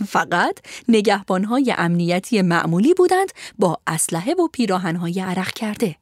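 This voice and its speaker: A woman narrating a storybook in an expressive, lively storytelling manner. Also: mid-range voice, no echo, studio quality.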